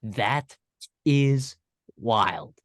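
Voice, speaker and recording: A man's voice: mid-range voice, animated, very slow, no room sound, studio quality. A man co-hosting a college football podcast, talking casually and rambling through scores with fillers and restarts. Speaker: podcast co-host. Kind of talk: casual sports chat.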